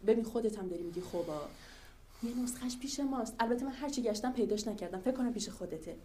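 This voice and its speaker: A woman's voice: a little high, warm tone, a little hiss or hum, close to an everyday voice. A woman playing a persuasive office worker who is scheming and coaxing in a TV drama. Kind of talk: TV drama acting.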